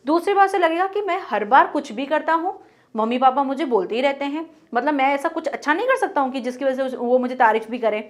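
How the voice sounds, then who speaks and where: A woman teacher explaining a poem line by line, reading the English lines slowly and patiently. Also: high voice. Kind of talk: Hindi poem explanation lesson.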